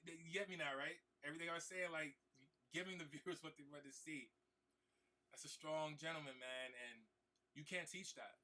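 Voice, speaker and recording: Streaming a game, a man speaks earnestly and emotionally to his viewers, repeating himself, swearing and using casual slang while trying not to cry. His voice is on the high side, pushed and bright.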